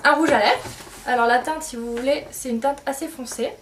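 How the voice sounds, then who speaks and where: High-pitched chatty woman vlogger, a bit off-mic with faint hiss, halting with lots of fillers. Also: recorded from a distance. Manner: chatty, hesitant with many fillers. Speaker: beauty vlogger. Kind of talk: casual chat to camera.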